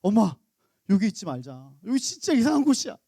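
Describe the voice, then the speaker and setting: Field: a man doing a shocked young daughter. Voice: high and loud. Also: sing-song, brisk, husky, no room sound, studio quality. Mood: pleading. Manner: loud, exclaiming, insistent. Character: young adult daughter, skeptical and easily shocked.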